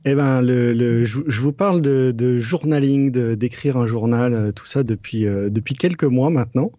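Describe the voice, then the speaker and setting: Man, podcast co-host, mellow tone, hesitant step-by-step explaining, dry muffled audio. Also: medium pitch, normal speed, no room sound. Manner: explains step by step with frequent "euh" and repeated words. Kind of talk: casual podcast chat, explaining a topic.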